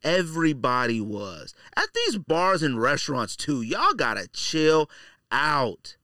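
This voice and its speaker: On a casual podcast, a middle-aged male host rants with animated, slangy energy, his bright, forceful voice swinging through a very lively pitch. He speaks at a slow pace, hammering his opinionated points by repeating them for emphasis. The recording is dry and close, with no echo.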